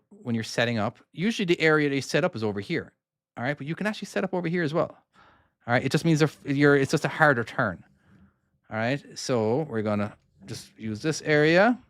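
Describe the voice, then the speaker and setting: On a live stream, a Cork man with an Irish accent gives relaxed commentary on his trucking game, talking himself through each maneuver and answering chat. His voice is medium-pitched with a fairly bright tone, captured in a dry, clean studio recording.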